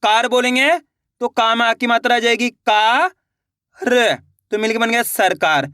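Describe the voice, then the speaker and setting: High bright male Hindi teacher drilling words. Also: steady tone, unhurried, smooth, dry recording, studio quality. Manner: repetitive call-and-response drilling, sounding words out syllable by syllable. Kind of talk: children's spelling lesson.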